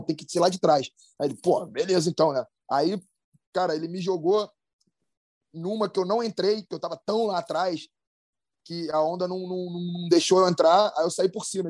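A Brazilian professional big-wave surfer tells a story in a casual podcast chat, full of slang, restarts and sound effects. His voice is high and a little mellow, with clean studio quality and no room sound.

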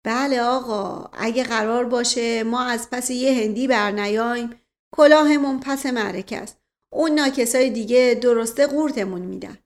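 A woman's voice: on the high side, close to an everyday voice. A woman voicing a coarse working-class shoeshine man in an audiobook, blunt and colloquial. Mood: deferential.

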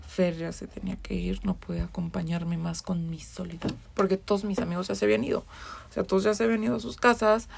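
Gravelly-voiced Mexican woman telling a story. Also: medium pitch, darkish tone. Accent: Mexican Spanish. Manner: candid, swears freely, many fillers. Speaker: podcast guest. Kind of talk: casual storytelling.

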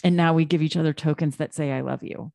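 Casual female podcast co-host; low, mellow voice, emphatic and rambling. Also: steady tone, quick pace, creaky, dry recording. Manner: chatty, emphatic, many restarts and asides.

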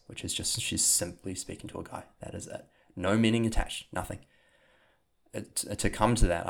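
With a deep, creaky voice and New Zealand accent, this young podcast host and coach speaks loosely, full of fillers and restarts, in casual talk and a podcast outro.

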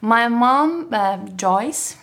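A woman's voice: fairly high pitch, expressive, extremely slow, a bit bright. A young woman from southern Brazil with a Brazilian accent and Portuguese as her first language, answering interview questions in casual chat, hesitant with many fillers and giggly. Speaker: interview guest, model.

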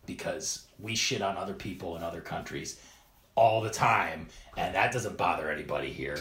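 A man's voice: sits low, normal speed, fairly bright tone, slight background noise. A man hosting a casual comedic podcast, rambling and exasperated, with swearing and a cave-like reverb on his voice. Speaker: podcast host. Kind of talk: casual comedic chat, recapping an animated show.

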